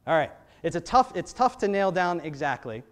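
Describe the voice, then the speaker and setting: A pastor in his thirties with an American accent preaches a sermon into a gooseneck pulpit microphone at church. His voice is on the high side with big pitch swings, and at normal speed he stays conversational, full of rhetorical questions.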